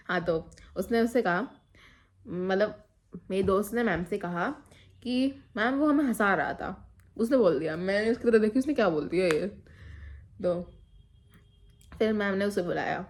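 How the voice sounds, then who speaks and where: A woman's voice: fairly high pitch, darkish tone. A teenage girl telling a rambling, giggly story about school friends in a casual vlog. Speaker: vlogger.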